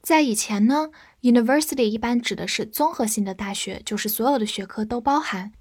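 A woman from China, a native Chinese speaker, teaching English vocabulary with clear, patient explanations and careful spelling. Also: on the high side, fairly quick, darkish tone, no room sound, studio quality. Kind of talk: vocabulary lesson.

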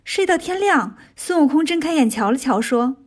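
Storyteller, woman, high voice, lively and expressive children's narration. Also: normal speed.

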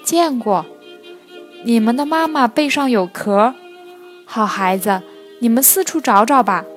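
Woman voicing a kindly storybook mother crocodile, gentle, speaking a little louder, faint music behind. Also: fairly high pitch, animated, a little slow. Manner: gentle, warm-hearted.

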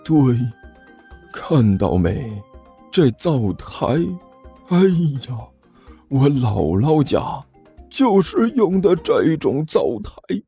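Brief: a man playing an old master, drawn-out slow speech, stubborn, lively raised pitch. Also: breathy edge, soft background music, full character voice. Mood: sentimental, insistent. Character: older male master, sentimental and stubborn.

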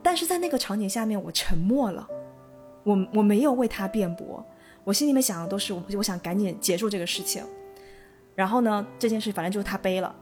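A woman co-hosting a casual podcast, telling a childhood story in a lively way and laughing often. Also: mid-range voice, fast talker, faint music behind. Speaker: podcast co-host.

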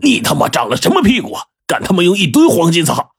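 A man's voice: sits low, animated, measured pace, slightly rough, dry recording, clean studio sound, full character voice. A man voicing a ruthless, hot-tempered male gang boss who swears and threatens. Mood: furious. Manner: swearing, menacing, bursts of shouting.

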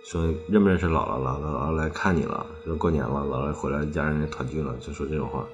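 A man with a very low, deep voice recounts an eerie story in a loose, rambling way. He keeps chaining his sentences with "then" and circling back over the same phrases. Faint music plays softly behind him. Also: fairly even intonation, fast, lo-fi sound. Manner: rambling, strings clauses with "then" and repeats phrases. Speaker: storyteller on a ghost-story podcast. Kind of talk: casual chat storytelling.

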